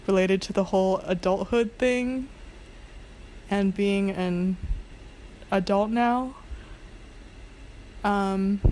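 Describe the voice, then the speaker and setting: A woman's voice: medium pitch, a little mellow, a little hiss or hum, rough recording. A young adult woman vlogging in a casual, rambling monologue, hesitant and meandering, leaning heavily on filler words. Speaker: amateur video blogger.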